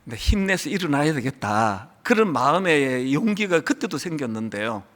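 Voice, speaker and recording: A middle-aged man preaches to his congregation, his voice high and lively as he retells a story and acts out lines with swelling feeling. The sound rings with long reverb from a large church hall. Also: moderate pace. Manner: storytelling, acting out film lines with rising emotion. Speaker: pastor. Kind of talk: sermon.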